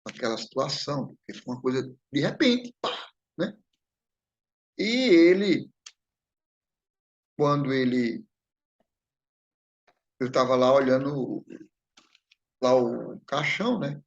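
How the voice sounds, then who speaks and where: A man's voice: medium pitch, lively intonation, takes it slowly, gravelly, long pauses, dull audio. A man giving a spiritist lecture, telling a personal story in a conversational way and often checking in with the audience. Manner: conversational, repeats "né?" and addresses the audience.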